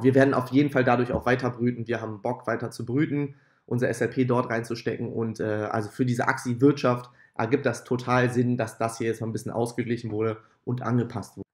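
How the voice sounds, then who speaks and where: A man hosts a casual gaming news roundup, and his voice comes through as poor-quality audio from a makeshift microphone. He speaks at a mid pitch in a loose, chatty way. He often stops on filler sounds and adds small apologetic asides. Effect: poor-quality audio from a makeshift mic. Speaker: gaming channel host. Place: at his parents' home. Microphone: not his usual microphone.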